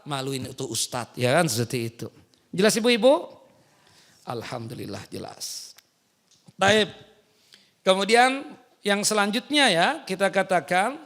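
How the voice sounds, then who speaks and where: Male preacher, higher voice, lively and teasing, keeps throwing questions at his listeners. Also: normal speed. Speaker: Islamic preacher. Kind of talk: sermon to women. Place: mosque.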